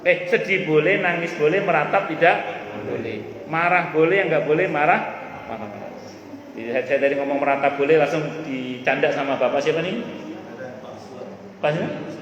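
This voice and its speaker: Lively preacher man with a lilt, echoey hall. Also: on the high side, moderate pace, lo-fi sound, a crowd in the background. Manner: lively, jokes with the audience, repeats key points. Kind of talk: religious study talk. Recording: echoey hall with faint room noise.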